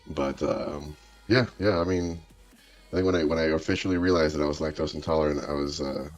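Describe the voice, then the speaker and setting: Extremely deep voice-changed man. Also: steady tone, fast talker, a little mellow, faint music behind. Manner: rambling, hesitant, muttering to himself with many fillers. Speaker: streamer coding a website. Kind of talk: casual think-aloud chat while coding.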